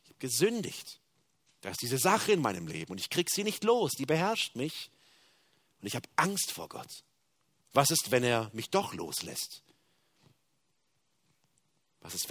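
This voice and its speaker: A man preaching a sermon, moving between hushed, confessional passages and loud, emphatic declarations. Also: medium pitch, dry recording.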